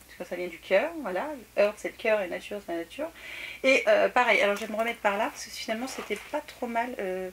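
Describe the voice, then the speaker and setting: A woman vlogger chatting casually about a shopping haul, often restarting her sentences and laughing at herself. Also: on the high side.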